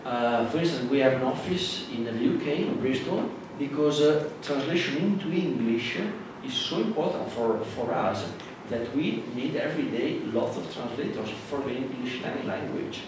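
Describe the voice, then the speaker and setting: A native Italian speaker from Italy gives a classroom lecture in a heavily accented, medium-pitched voice. He speaks haltingly, with many fillers and restarts. The recording picks him up from far off in an echoey hall, with noise.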